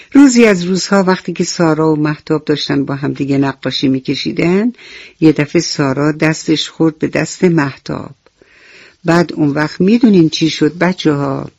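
Woman radio storyteller for children; affectionate, gravelly, dry close studio mic. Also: low-pitched, darkish tone, dry recording. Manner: affectionate, speaks directly to children. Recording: dull lo-fi radio recording.

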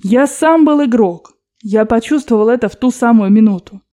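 A woman narrating an audiobook in a steady, expressive reading voice. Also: a little high, normal speed.

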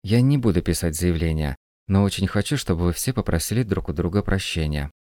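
A man's voice: sits low, no room sound, studio quality. A man voicing a firm, composed young woman. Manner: calm, measured, firm. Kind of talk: audiobook reading.

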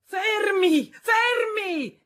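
A woman reading an audiobook aloud, voicing an emotional middle-aged man who shouts and gushes with tearful joy. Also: extremely high pitch, extremely slow, pitched above the performer's own voice, full character voice. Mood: overjoyed. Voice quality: loud, excited.

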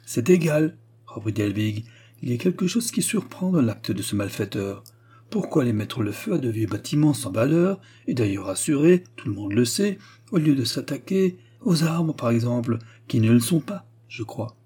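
A man's voice: mid-range voice, expressive, moderate pace, mellow, husky. A man reading a sneering, scheming male estate manager with mocking courtesy. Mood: insinuating.

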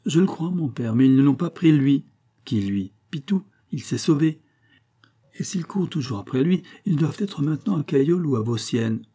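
A man reading aloud, voicing an anxious young woman who pleads with her father in a raised, higher voice. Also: animated, normal speed, dark tone, husky. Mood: pleading.

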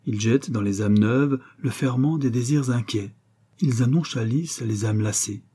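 A man narrates an old novel with measured, literary phrasing. His voice is mellow and dark in tone. It carries a slightly husky edge. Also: medium pitch. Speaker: audiobook reader.

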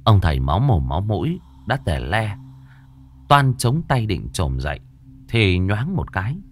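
A man's voice: lowish voice, very animated, measured pace. A man narrating a scripted ghost story in a dramatic, vivid way.

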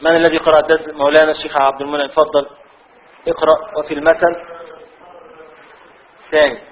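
A man with an Egyptian accent teaching a class on a classical law text. He reads a passage aloud, then explains it slowly with many repetitions. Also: on the high side, little pitch movement. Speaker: religious teacher. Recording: tinny phone-like audio.

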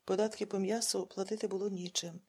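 A woman reading an audiobook novel aloud in steady, grave narration. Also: medium pitch, fast talker, breathy edge. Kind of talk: scripted narration.

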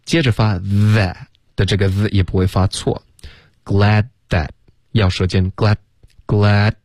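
A man's voice: low voice, flat delivery, moderate pace, darkish tone, dry recording, studio quality. A male teacher on a radio English lesson who drills sounds by repeating them and mixes English into his Chinese.

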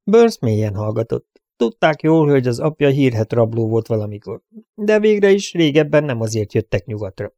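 Male audiobook narrator, measured, mid-pitched, dry close recording. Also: big pitch swings, mellow, dry recording, highs cut off. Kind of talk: audiobook reading of a novel.

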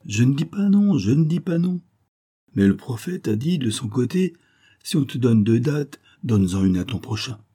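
A stern, devout neighbor lecturing with mild reproach, as a narrator puts him on. The voice is a touch higher than the reader's own, still husky and mellow. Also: male voice, sing-song, moderate pace. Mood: reproachful. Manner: reproachful, preachy.

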